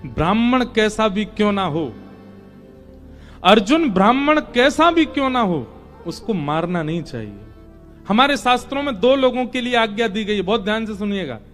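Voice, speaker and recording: A male religious storyteller delivering a devotional sermon. His voice is high for a man, and he tells the story in an animated, dramatic way. Soft music sits faintly behind him. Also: normal speed.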